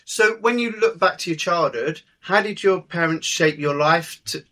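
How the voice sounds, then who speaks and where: A man hosting a podcast, asking questions in a relaxed, agreeable way. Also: on the high side, normal speed. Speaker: podcast host. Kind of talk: conversational interview.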